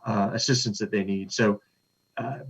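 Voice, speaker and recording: A man speaking as a webinar panelist, earnest and halting, with frequent fillers and restarts. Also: lowish voice, steady tone, husky. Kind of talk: conversational commentary. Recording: dull lo-fi call audio.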